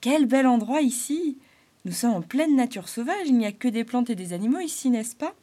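A woman's voice: on the high side, expressive, moderate pace, warm tone, pitched above the performer's own voice. A woman voicing a cheerful male harlequin spirit bouncing on a spring, exclamatory and eager in a storybook reading. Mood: delighted.

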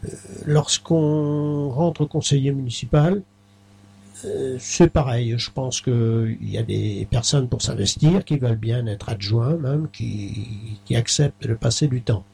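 Gravelly, husky middle-aged man. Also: medium pitch, warm tone. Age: middle-aged or older. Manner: halting, many fillers and restarts. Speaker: mayor. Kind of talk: interview.

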